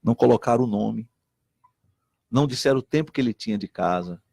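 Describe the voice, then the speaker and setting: This earnest middle-aged man from Recife, Brazil, a missionary pastor and state deputy, talks fairly quickly in a gravelly, slightly rough medium-pitched voice. Chatting animatedly on a talk show, he repeats himself and voices other people's words with liveliness. The studio sound is clean, without echo.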